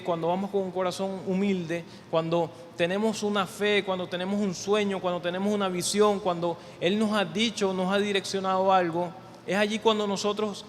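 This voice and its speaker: A man preaches from a church stage in a high, light voice, circling back on his own words as he builds each point. The sound carries a long hall echo with a faint hiss underneath. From Venezuela. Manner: conversational, repeats words while building points. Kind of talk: sermon. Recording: reverberant hall with faint noise.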